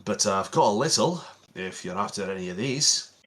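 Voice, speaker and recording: A man's voice: lowish voice, expressive, fairly quick, a bit bright, pitched above the performer's own voice. A man voicing a burly, red-bearded male dwarf blacksmith who is friendly and plainspoken.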